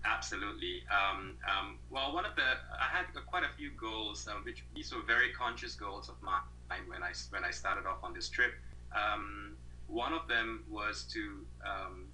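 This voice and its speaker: A Malaysian man in his thirties, interviewed as a guest over a video call, answers thoughtfully with many fillers and restarts. His lowish voice moves at a normal speed with a sharp tone, and the low-quality recording carries a little hiss or hum.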